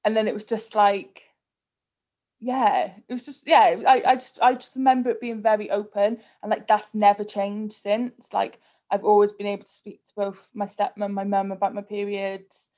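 A woman's voice: medium pitch, fairly even intonation, normal speed, darkish tone. A woman from Cardiff with a Cardiff Welsh accent, chatting casually and candidly as a podcast guest, often dropping in "like". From Cardiff, Wales. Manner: candid, conversational, heavy use of "like". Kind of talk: casual personal interview chat.

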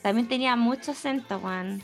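A woman's voice: a little high, a little fast, gravelly, soft background music. A young woman with a Chilean accent, chatting casually as a podcast co-host, slangy and prone to tangents. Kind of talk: casual chat.

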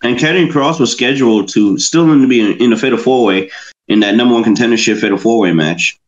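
A man's voice: medium pitch, quick pace, highs cut off. A male podcast host who recaps a wrestling match play-by-play, stumbling now and then and correcting himself. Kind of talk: casual wrestling review podcast.

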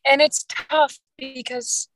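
A woman's voice: high voice, flat delivery, slow pace, a bit bright, a little hiss or hum. A woman in her late twenties, a mother and wife, chatting casually on a podcast in a rambling, reflective way. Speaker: podcast co-host. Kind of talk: casual chat.

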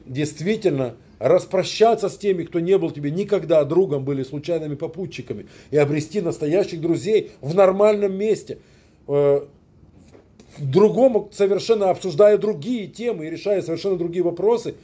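A man's voice: a little high, dark tone. A man, a rabbi, giving a conversational lecture, often turning to the listeners with questions.

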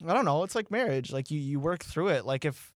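Teasing higher-voiced podcast guy. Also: fairly quick. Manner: animated, teasing, rambling with fillers. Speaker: podcast co-host. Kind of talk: casual sports chat.

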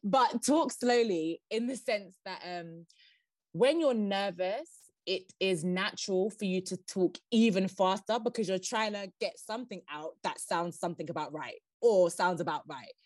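A woman guest on a podcast giving interview tips, who says she talks fast and laughs now and then. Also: mid-range voice, darkish tone, dry recording. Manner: fast-talking, laughs often.

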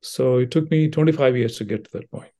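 An older Indian cardiothoracic surgeon appears as a guest, answering interview questions in a measured way. His mellow, mid-range voice carries an Indian accent, and he often uses fillers and restarts his sentences.

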